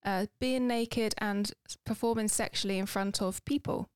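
A woman's voice: medium pitch, steady tone, moderate pace, clean tone, no echo, clean studio sound. A woman co-hosting a podcast, explaining things in a matter-of-fact way and laughing easily. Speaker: podcast co-host. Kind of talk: casual chat.

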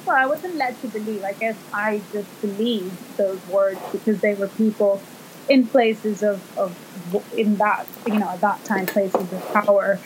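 Female designer guest, from El Salvador, 30s, thoughtful and halting, mid pitch. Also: fairly even intonation, background noise. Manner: thoughtful, hesitant, many fillers. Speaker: fashion and textile designer, guest. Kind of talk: casual interview talk.

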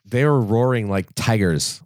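A man's voice: lowish voice, lively intonation, unhurried, a little mellow, no room sound, clean studio sound. A man co-hosting a casual podcast, teasing the others and tossing in silly quips. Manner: jokey, teasing, throws in silly sounds and quips. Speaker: podcast co-host.

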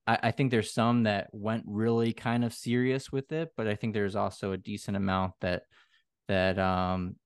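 A man's voice: deep voice, clear, resonant tone, no echo, studio quality. A man speaking as an interview guest, explaining his design work in casual conversation.

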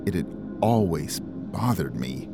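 Introspective low-voiced young man narrating. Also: very animated. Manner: introspective, measured delivery. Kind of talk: scripted first-person story narration. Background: music.

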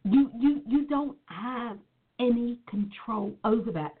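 A woman's voice: a little high, expressive, slow, breathy edge. A woman hosting a live self-help podcast in an emphatic, sing-song, welcoming delivery, stretching words and repeating phrases to her listeners. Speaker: podcast host. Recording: tinny phone-line sound.

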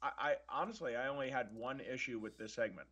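A man with a mid-range, fairly bright voice talks fast as co-host of a casual wrestling review podcast. He's earnest and analytical, frequently restarting sentences as he thinks out loud.

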